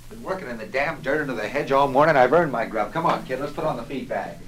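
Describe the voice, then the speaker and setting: An actor in 1960s film acting playing a young adult, hard-drinking elder son who talks in a sardonic, coarse way. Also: male voice, mid-range voice, fast talker, a bit bright, slight background noise, natural voice.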